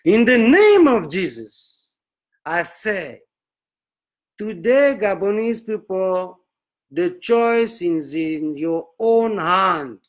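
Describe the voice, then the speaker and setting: Putting on a solemn, self-important male prophet, a man delivers a comic sermon in broken English with a Nigerian accent. His high voice swings widely from word to word as he stretches each phrase in a slow, grand manner. It's a very animated, exaggerated, preaching performance.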